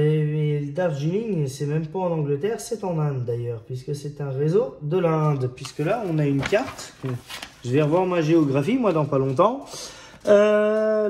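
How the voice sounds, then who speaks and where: Man hobbyist, slightly high voice, slow and halting, chatty walkthrough of kit parts. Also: dark tone. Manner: hesitant, many fillers and restarts, chatty. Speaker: scale model hobbyist presenting kit issues. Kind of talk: casual hobby video narration.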